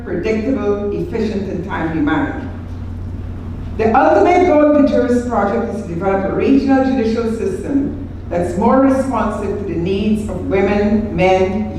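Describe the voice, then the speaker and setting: A woman's voice: medium pitch, a little mellow, slight background noise. A Guyanese woman, a project director, giving a courteous formal speech at an official ceremony. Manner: formal, courteous, reading protocol list. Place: hotel function room. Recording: echoey hall, distant mic.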